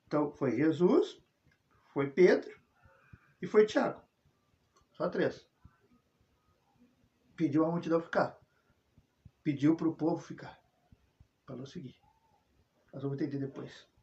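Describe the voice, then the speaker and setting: Animated Brazilian man teaching scripture. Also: on the high side, unhurried, pauses often, highs cut off. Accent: Brazilian Portuguese. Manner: animated storytelling, frequent "né", chuckles. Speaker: Bible study teacher. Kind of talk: informal Bible study talk.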